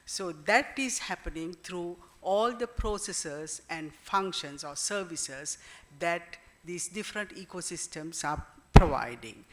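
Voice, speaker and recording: Woman, 60s, Sri Lankan accent; keynote speaker, hesitant and explanatory, pausing often. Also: lowish voice, fairly bright tone. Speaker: keynote speaker, retired botany professor. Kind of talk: conference keynote speech.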